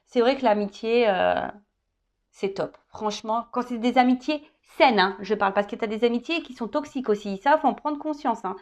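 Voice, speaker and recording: A woman's voice: fairly high pitch, moderate pace, darkish tone. A woman in her thirties giving a casual tarot guidance reading, chatty and joking. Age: 30s. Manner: chatty and joking, tagging phrases with "hein". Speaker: tarot reader.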